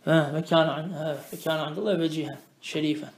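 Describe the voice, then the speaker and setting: A man teaching a traditional grammar lesson. He reads Arabic phrases slowly, explains them, and keeps asking the student questions. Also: on the high side, fairly even intonation, echoey room. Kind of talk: traditional religious lesson, explaining a text line by line.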